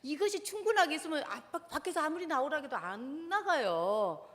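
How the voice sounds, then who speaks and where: A woman's voice: high-pitched, lively intonation, moderate pace, fairly bright tone. A woman professor giving an impassioned church seminar lecture, often putting questions to her audience. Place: church hall. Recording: long reverb of a large hall.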